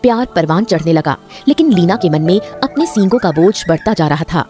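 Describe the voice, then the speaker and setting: Lively woman narrating a cartoon story. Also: lowish voice, a little fast, music in the background. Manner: expressive storyteller.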